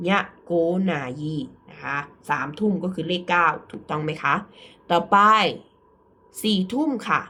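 A woman's voice: deep voice, a bit bright. A woman with a Thai accent teaching a language lesson, patiently repeating words and checking that students follow.

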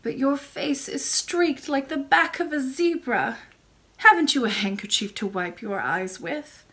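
A woman voices a very old royal great-great-grandmother in a storybook, kindly yet mysterious, her voice sitting high and pushed up. She speaks calmly and in a measured, gently assured way, with a mood of gentle concern.

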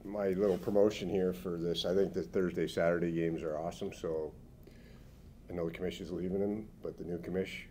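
A middle-aged hockey coach speaks at a postgame press table. His voice sits very low and mellow, his delivery upbeat and full of coaching phrases. A faint hiss sits under the table mic. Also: fairly even intonation, a little fast. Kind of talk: postgame press conference answers. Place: press room, seated at a table. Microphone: table microphone.

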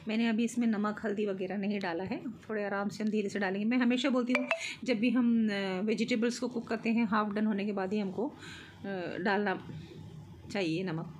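A woman's voice: medium pitch, steady tone, normal speed, background noise. A middle-aged woman vlogging in her home kitchen, casually explaining each cooking step with light laughs.

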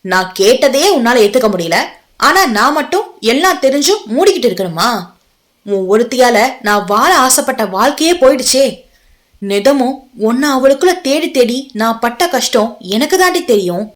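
A woman's voice: fairly high pitch, lively intonation, moderate pace, natural voice. A woman voicing a bitter, betrayed young husband who scolds harshly in an audio novel. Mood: furious.

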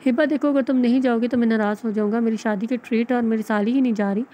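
Lady reading as a cheerful big brother type in an audio novel, teasing, warm tone. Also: a little high, fairly even intonation, quick pace, a little hiss or hum, lightly acted. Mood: jovial. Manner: jovial.

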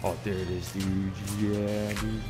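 A young man filming a casual vlog on a phone at arm's length as he walks through a mall and cinema, excitable and saying "dude" and "bro" constantly. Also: on the low side, a little slow, over music. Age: young adult. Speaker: vlogger. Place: shopping mall and cinema, indoors. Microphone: handheld phone at arm's length.

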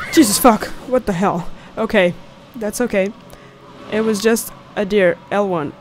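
A young adult woman hosts a gaming video, reacting with exclamations and swearing freely as she casually comments on her gameplay. She speaks slowly in a mid-range voice, close to a studio condenser mic at a home recording setup. Horror game ambience comes through clearly, making the background noisy.

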